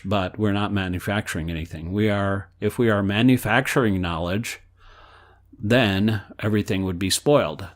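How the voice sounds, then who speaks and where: A man reading aloud the answers of an elderly male spiritual teacher, in a measured way that speaks the quote marks aloud. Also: lowish voice, close to an everyday voice.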